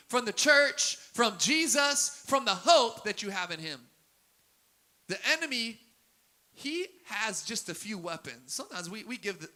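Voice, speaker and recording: A man preaching a sermon as pastor, repeating phrases in a steady cadence that swells into emphatic peaks. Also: extremely high pitch. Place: church sanctuary.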